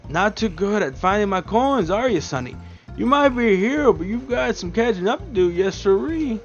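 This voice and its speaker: A man's voice: sits high, sing-song, moderate pace, faint music behind, voice pushed up. A man putting on a clumsy, crotchety accent to read out a grumpy, boastful old male ape from a video game, in a dull, lo-fi recording. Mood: grumbly boastful. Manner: bad put-on accent, crotchety, raised voice.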